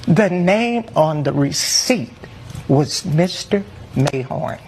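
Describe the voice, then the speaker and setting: A middle-aged woman giving courtroom testimony as a witness, speaking in a formal, deliberate, indignant manner. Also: sits low, animated, darkish tone, a little hiss or hum. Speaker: court witness, church secretary.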